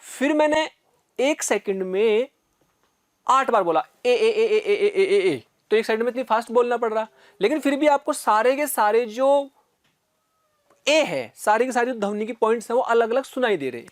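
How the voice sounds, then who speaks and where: A man's voice: extremely high pitch, animated, normal speed, no echo. Male physics teacher, patient, checks in with students a lot, dry recording. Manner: explains step by step and often checks in with "है ना" and "ठीक है"; repeats sounds aloud to demonstrate. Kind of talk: recorded classroom lecture.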